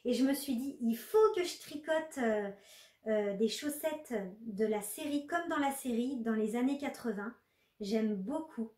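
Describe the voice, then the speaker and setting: Chatty knitting vlogger lady, kinda high voice, lots of ums, echoey room. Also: unhurried, darkish tone. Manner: chatty, many fillers and restarts, addresses viewers. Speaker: knitting podcaster. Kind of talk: casual knitting vlog chat.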